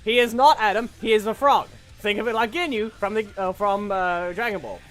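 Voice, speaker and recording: A gaming channel host with a high-sitting voice gives brisk, casual live commentary on a fighting game, excitably calling out moves and trash-talking opponents, with soft music in the background.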